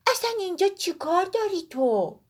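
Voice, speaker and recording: A woman's voice: very high voice, sing-song, voice pushed up. A woman voicing a curious young child in a children's story, asking surprised questions.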